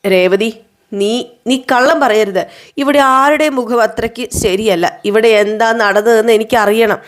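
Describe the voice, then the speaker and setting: Brief: protective young husband, hot-tempered, pressing with demanding questions, read by a woman retelling a serial, slightly high voice. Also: unhurried, close to an everyday voice. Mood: insistent.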